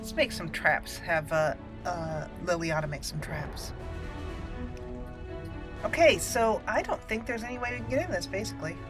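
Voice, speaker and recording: This let's play host has a lowish voice and an animated delivery at a normal speed. She offers casual gameplay commentary, chatting and thinking out loud over game music.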